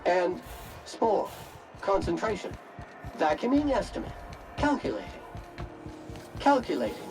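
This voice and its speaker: An actor voicing a cleaning robot in a video game, with a robotic computer-processing voice that gives clipped, monotone readouts. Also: medium pitch, a little slow, soft background music. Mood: computing. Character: cleaning robot, brisk and mechanical.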